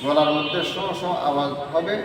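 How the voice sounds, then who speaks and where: A man's voice: a little high, steady tone, fairly quick, background noise. A man teaching Quran letter pronunciation in a lesson. He goes step by step and repeats each letter three times. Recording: echoey hall from far off.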